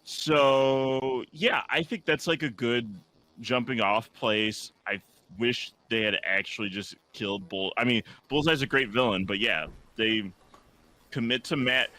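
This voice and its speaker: A man's voice: medium pitch, a little slow, sharp tone, poor audio. A man hosting a casual reaction chat, rambling with lots of "like" and restarts. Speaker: podcast host.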